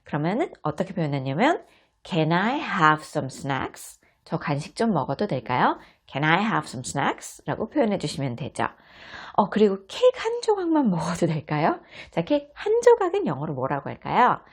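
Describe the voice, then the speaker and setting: A woman in her thirties with a husky voice, patiently explaining everyday English phrases to parents step by step. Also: low-pitched, very animated, normal speed. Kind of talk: explanatory lesson.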